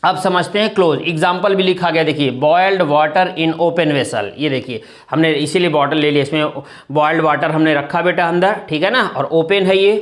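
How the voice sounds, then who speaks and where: A man's voice: fairly high pitch, a little fast, hardly any pauses. A male chemistry teacher giving a classroom lecture in with terms, calling students "beta" and asking and answering his own questions. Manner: calls students "beta", asks and answers his own questions, often says "thik hai na".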